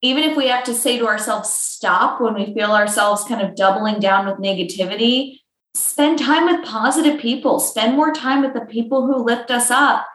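A woman's voice: on the high side, normal speed, fairly bright tone, roomy sound, poor audio. A woman guest in a podcast interview, earnestly coaching and acting out example phrases as she explains. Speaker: guest speaker on emotional intelligence.

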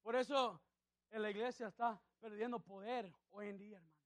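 A man's voice: high-pitched, steady tone, a little fast, dry recording. A male pastor preaching a sermon who calls out questions to the congregation.

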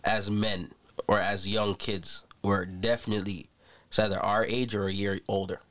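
A man's voice: fairly low pitch, level tone, moderate pace, fairly bright tone. A man co-hosting a podcast in casual, slang-heavy chat, swearing and hyping things up boisterously. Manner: boisterous, swearing hype talk. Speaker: podcast co-host.

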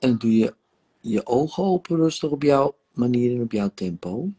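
A man with a gravelly, husky voice talks someone through a guided regression session. He coaxes and soothes, stretching out sighs and soft exclamations, and sometimes sinks toward a whisper. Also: medium pitch, big pitch swings. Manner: soothing, coaxing guidance with drawn-out sighs and exclamations. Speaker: therapist guiding a session.

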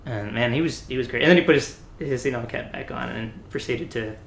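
A man chatting casually and telling stories with lively energy, filling his sentences with "like". His voice sits at an ordinary middle pitch. The room is echoey, with a faint hiss underneath. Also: brisk, vocal fry. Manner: animated storyteller who often says "like". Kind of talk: casual chat.

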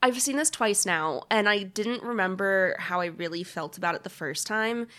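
A woman in her thirties chatting casually as a podcast co-host, giggly and quick to react. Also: mid-range voice, pushed and bright. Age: 30s. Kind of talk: casual film chat.

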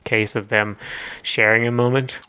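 A man's voice: medium pitch, flat delivery, normal speed, bright, forceful tone, clean tone. A man co-hosting a podcast, talking in a laid-back, hesitant way full of filler words as he discusses a song. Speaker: podcast co-host. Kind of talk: casual song-breakdown chat.

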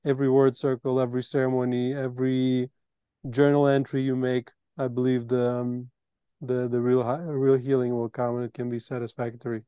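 A man's voice: medium pitch, little pitch movement, normal speed, warm tone, clear, resonant tone, no echo. A man hosting a retreat, explaining earnestly in a conversational interview. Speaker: retreat host.

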